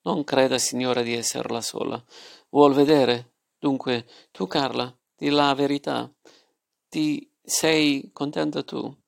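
A man voicing a jovial, falsely good-natured middle-aged gentleman in an audiobook, hearty and teasing. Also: mid-range voice, steady tone, slow pace, vocal fry.

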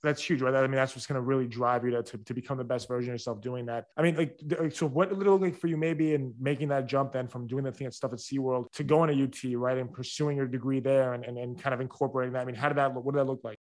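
A man's voice: medium pitch, fairly even intonation, quick pace, hardly any pauses. A man hosting a one-on-one interview show, asking rambling questions with many restarts and "right?" tags. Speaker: podcast host. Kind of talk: casual interview.

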